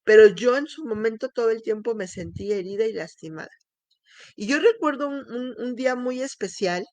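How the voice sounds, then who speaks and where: A woman's voice: a little high, expressive, normal speed, a little mellow, dry recording. A middle-aged woman, telling a candid, emotional personal testimony, with restarts and laughs. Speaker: speaker sharing her testimony.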